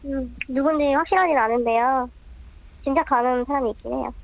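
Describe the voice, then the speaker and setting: Woman with an electronically altered, higher voice. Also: fairly quick, gravelly, no room sound, phone-quality sound. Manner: short, hesitant answers. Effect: voice electronically altered for anonymity. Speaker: anonymous interviewee. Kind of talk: subdued interview answers.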